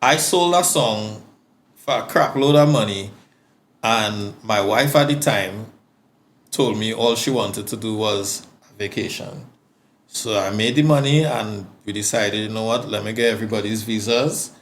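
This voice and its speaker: Trinidadian man telling stories in relaxed chat. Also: fairly low pitch, a little slow, slight background noise. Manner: relaxed storytelling with frequent stammered restarts. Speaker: guest singer-songwriter. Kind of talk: casual podcast chat.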